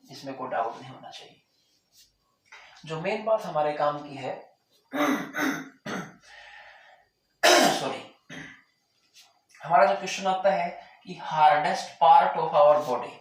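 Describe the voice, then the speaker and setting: A man teaching a lesson, repeating key terms and asking the class whether it is clear, with a sore throat that keeps making him clear it. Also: on the high side. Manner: repeats key terms, asks rhetorical check questions. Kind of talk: classroom lecture. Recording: very echoey room, mic far off.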